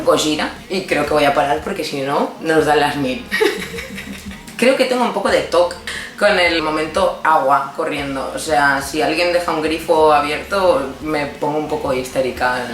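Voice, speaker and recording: A thirty-year-old woman from Barcelona with a Spain Spanish accent, talking through a casual personal Q&A in a chatty, playful way. She laughs often and fills pauses with hesitations. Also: low voice, fairly bright tone, reverberant, low-quality recording. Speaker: guest answering personal questions.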